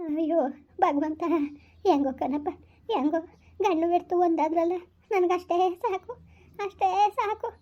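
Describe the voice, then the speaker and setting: An old village woman, acted by a woman, sighs out fervent blessings in a high, mellow voice. The sound is dull and lo-fi, as in a village drama. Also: moderate pace. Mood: relieved.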